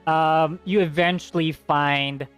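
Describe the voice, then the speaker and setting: A man narrating as game master of a tabletop game, halting with many fillers. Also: a little high, fairly even intonation, fairly bright tone, smooth, soft background music.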